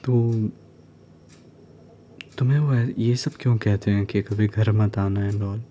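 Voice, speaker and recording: Whispered role-play, man, caring neighbour, slow and soothing, mellow tone, faint ambience behind. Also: fairly low pitch, steady tone, slight background noise. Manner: mixes English phrases into Hindi. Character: caring male neighbour comforting a crying woman. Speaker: ASMR role-play creator.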